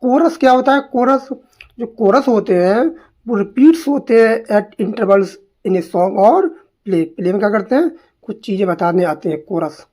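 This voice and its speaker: A woman teaches exam literary terms in mixed Hindi and English, her mid-range voice slightly mellow and moderately paced. She raises questions, supplies the answers herself and says each term repeatedly.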